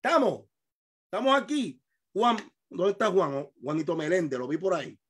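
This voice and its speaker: A man preaching and teaching a Bible study to his congregation in Spanish. He repeats key words, quizzes his listeners and swings between hushed asides and shouted emphasis. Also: high-pitched, moderate pace, breathy edge. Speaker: pastor. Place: church hall.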